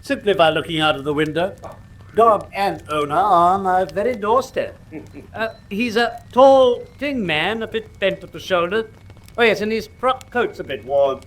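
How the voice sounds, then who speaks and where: Keen and dramatic, an actor with an English accent plays a confident, teasing gentleman detective in a classic radio drama. He speaks precisely, with theatrical condescension, in a high, animated voice at normal speed.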